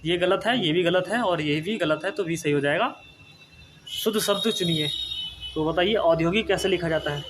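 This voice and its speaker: Male tutor, higher register, methodical quiz walkthrough, repeats words and checks in. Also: moderate pace, noisy background. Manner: repeats words, asks and answers, tag "ठीक है ना". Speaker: teacher. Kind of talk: exam-prep spelling lesson.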